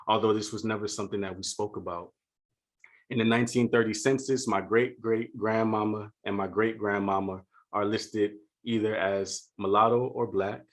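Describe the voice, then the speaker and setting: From a home setup, a man from Louisiana delivers a prepared keynote speech for a virtual conference. His fairly low voice is earnest, measured and deliberate.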